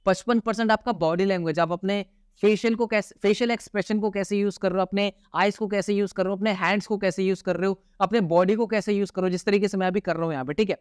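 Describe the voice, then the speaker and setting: A young male instructor with a high, smooth, resonant voice gives a recorded course lesson in a dry, close room. He is emphatic and keeps checking in with the viewer. He poses questions and answers them himself, and he plays with his tone and pauses on purpose. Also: fairly even intonation, no echo. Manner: emphatic, keeps asking "theek hai?" to check in; talks in rhetorical questions, then answers them.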